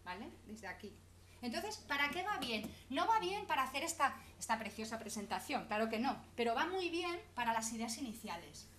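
A woman's voice: on the high side, sing-song, fairly quick, fairly bright tone. A woman giving a chatty, teasing conference talk, constantly checking in with her audience. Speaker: conference presenter. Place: conference hall. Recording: echoey conference hall, faint hum.

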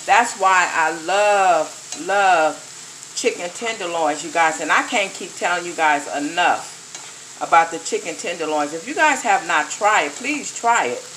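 Slow, chatty woman at her stove. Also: fairly low pitch, expressive, fairly bright tone. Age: middle-aged. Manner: chatty, addresses viewers as "you guys". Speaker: home cook vlogger. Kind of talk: casual cooking vlog narration. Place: home kitchen, at the stove. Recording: faint noise, food sizzling in the pan.

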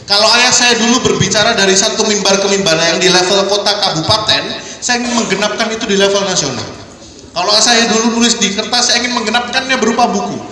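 A man's voice: sits high, bright, forceful tone, slight background noise. A young man giving an earnest, repetitive motivational seminar talk to students in a large hall. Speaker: seminar speaker. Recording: echoey hall from far off.

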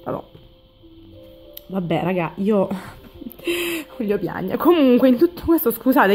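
A young woman unboxing an album on her vlog, overexcited, squealing and near tears as she talks to her viewers. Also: medium pitch. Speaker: vlogger. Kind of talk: excited unboxing video.

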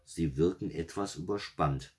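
A man reading a story, voicing the narrator's calm, sensible partner in a matter-of-fact way. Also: low voice, unhurried.

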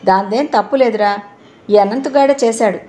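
A woman's voice: fairly high pitch, normal speed, warm tone, lightly acted. A woman voicing an anxious, affectionate middle-aged father in an audio novel. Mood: soothing. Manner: fretful.

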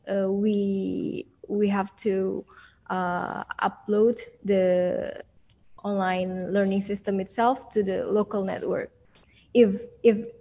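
A young woman gives a technical answer to an online panel, plain and hesitant with fillers. Her voice is mid-pitched and mellow. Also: poor audio. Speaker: software engineer on panel. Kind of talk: panel answer on video call.

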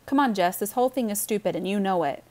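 A woman voicing a guilty, defensive young boy in a storybook reading, loud and exasperated. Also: medium pitch, fast talker, close to an everyday voice. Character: boy Evan, guilty, defensive older brother.

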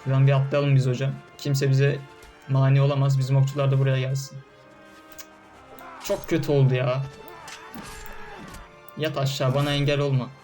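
A man's voice: medium pitch, flat delivery, normal speed, long pauses, warm tone, soft background music. A young man doing casual gameplay commentary, often frustrated, cursing and barking orders at his troops. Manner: frustrated, swearing, talking to game troops.

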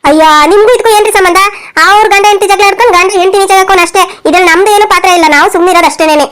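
A woman's voice: extremely high pitch, rapid-fire, fairly bright tone. A woman voicing a bossy young married daughter in a cartoon, with a brash, dismissive manner.

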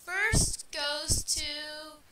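A high-pitched woman rattles off game commentary, getting worked up over close calls and chatting to her viewers. Her voice comes through a heavy, ringing echo from her own speakers, sitting back from the microphone with a clear hiss of noise behind it. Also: drawn-out words, distant mic. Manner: chatty, easily excited, talks straight to viewers. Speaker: gameplay commentator. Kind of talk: casual let's-play commentary. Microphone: desk microphone with speakers playing back. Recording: very echoey, off-mic, clear background noise.

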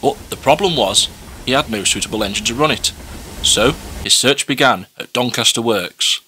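Male narrator for a scripted story, bright delivery, mid pitch, slight background noise. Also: moderate pace.

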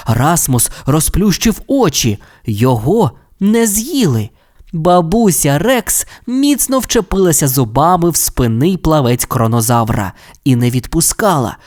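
A man narrating a children's audio fairy tale with expressive, animated storytelling. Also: on the high side, unhurried.

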